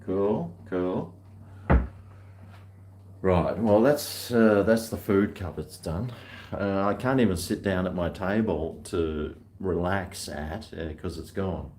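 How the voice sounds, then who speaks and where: A man's voice: low voice, slow, darkish tone, a little hiss or hum. An Australian man filming a casual vlog at home on a handheld camera, rambling and muttering to himself. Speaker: vlogger. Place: at home, large empty house.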